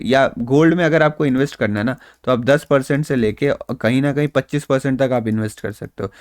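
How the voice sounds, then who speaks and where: A man's voice: mid-range voice, no echo, clean studio sound. A man giving casual, reassuring stock market analysis in a conversational way, mixing in English phrases. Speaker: stock market trader and YouTube host.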